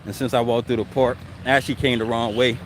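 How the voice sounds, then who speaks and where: A man vlogging outdoors with his voice muffled by a face mask, chatting in a relaxed, rambling way and often correcting himself. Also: medium pitch, quick pace, slight background noise. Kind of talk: casual walking vlog chat. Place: outdoors on city streets and in a park.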